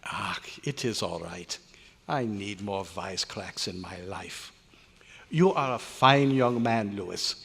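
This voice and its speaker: The scientist's mood has softened into fondness, though he still grumbles, exasperated, in his strange, foreign-sounding word order. The actor's male voice is fairly low, animated, slow, creaky, a bit bright and husky, heavily acted. It comes from a live old radio drama recreation in a large hotel meeting room at a convention, with an echoey hall sound.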